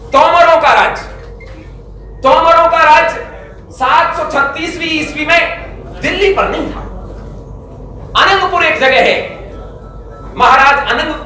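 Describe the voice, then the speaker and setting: Middle-aged man, press conference speaker, emphatic lecturing delivery, bright high voice, echoey room heard from a distance. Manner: emphatic, lecturing, lists names and dates. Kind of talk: formal public address.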